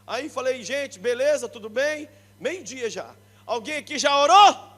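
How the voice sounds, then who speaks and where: High-voiced, shouting Brazilian preacher. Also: male voice, a little slow. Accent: Brazilian Portuguese. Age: middle-aged. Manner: energetic and joking, shouting the key points, acting out quoted people. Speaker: pastor. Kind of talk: lively sermon. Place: church congress hall.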